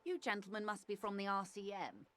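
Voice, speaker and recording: A woman's voice: medium pitch, brisk, a bit bright, lightly acted. An actress voicing a poised, polite female corporate negotiator in a game, courteous and diplomatic.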